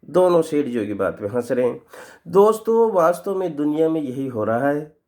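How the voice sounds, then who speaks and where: A man telling a short folk tale and explaining scripture verses in a devotional lesson, with animated storytelling. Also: fairly high pitch, moderate pace.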